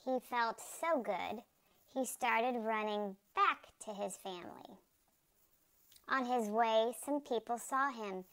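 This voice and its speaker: A woman reads a children's picture book aloud at an unhurried, deliberate pace. Her voice is smooth and clear and sits a little high. She leaps up in pitch and volume for the characters' shouts. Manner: slow, careful storybook reading that jumps high and loud for quoted shouts.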